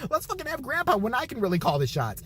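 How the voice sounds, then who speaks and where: A man's voice: very high-pitched, wildly swooping pitch, fairly quick, a bit bright, slightly rough. A man in his forties giving a rambling, profane comedic rant to camera. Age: 40s. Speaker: vlogger.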